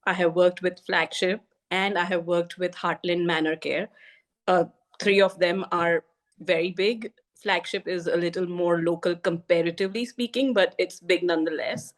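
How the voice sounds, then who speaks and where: A middle-aged woman from India with an Indian English accent, a physical therapist speaking as a podcast guest in a measured, steady way. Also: on the low side. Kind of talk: podcast interview.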